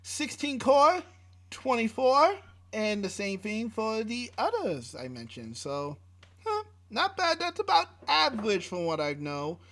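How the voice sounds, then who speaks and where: An unhurried man with a high, fairly bright voice and huge pitch swings co-hosts a tech podcast. His spec reading is casual chat, laid-back, peppered with fillers, restarts and mild swearing.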